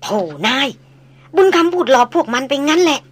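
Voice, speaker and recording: A woman's voice: high-pitched, lively intonation, fairly quick, voice pushed up. A woman voicing a blunt, jovial old male jungle hunter who talks in coarse folksy speech. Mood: worried confiding.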